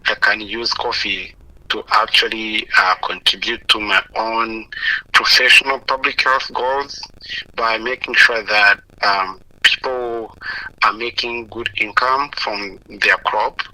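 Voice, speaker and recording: A man from Rwanda introducing himself as a social entrepreneur, reflective with small pauses. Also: on the low side, steady tone, dry recording. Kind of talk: personal self-introduction. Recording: bright voice recorded from a distance.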